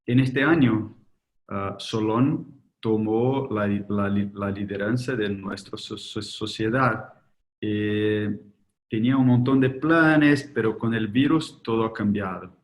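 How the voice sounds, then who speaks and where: Un oftalmólogo brasileño, cuya lengua materna es el portugués y que tiene un ligero acento argentino, participa como invitado en un seminario web por videollamada. Su voz masculina es más bien grave, y habla despacio, con vacilaciones y muchas muletillas.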